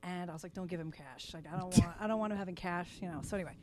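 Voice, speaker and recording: A middle-aged woman comedian telling stories in casual chat, laughing often and acting out lively quoted voices. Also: on the low side, racing. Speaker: comedian guest. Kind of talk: casual storytelling. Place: podcast studio.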